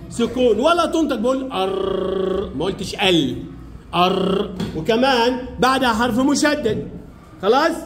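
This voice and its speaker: A man's voice: very high voice, slight background noise. A man with an Egyptian accent teaching a primary class, coaxing pupils with repeated questions. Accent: Egyptian Arabic. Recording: echoey classroom.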